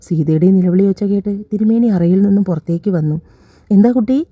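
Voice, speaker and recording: A woman's voice: on the low side, quick pace, no echo. A woman narrating a scripted audio love story, voicing every character's lines in her own voice. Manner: reads all characters' dialogue in her own voice, slightly raised. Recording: dull dry lo-fi recording.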